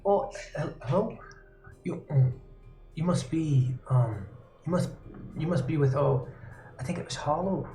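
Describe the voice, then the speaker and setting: A man's voice: on the high side, lively intonation, a little slow, pauses often, dark tone, soft background music. A man voicing a very old, doddering female innkeeper who fumbles and trails off. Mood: flustered. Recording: echoey room.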